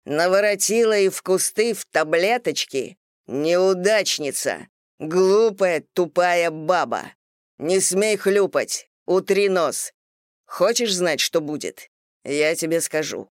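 Reader putting on a cruel sneering guy, slow harsh voice, dry close sound. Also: medium pitch, very animated, clean tone, no echo, heavily acted. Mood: scornful. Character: cruel, contemptuous man berating a woman.

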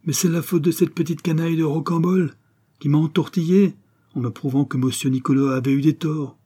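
Old rag-picker woman, crafty, wheedling, higher voice, man doing it, dark, husky. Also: fairly even intonation, brisk. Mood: bitter.

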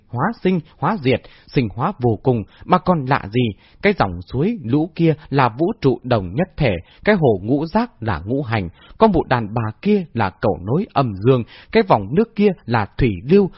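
A man's voice: mid-range voice, slightly rough, no room sound. A man narrating a novel expressively as an audiobook reader. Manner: expressive, lively storytelling. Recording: dull lo-fi dry recording.

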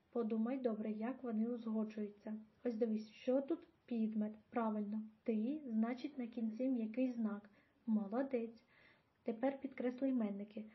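A woman's voice: a little high, lightly acted. Woman reading as a patient old grandfather. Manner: patient, gently teasing. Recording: dull lo-fi audio.

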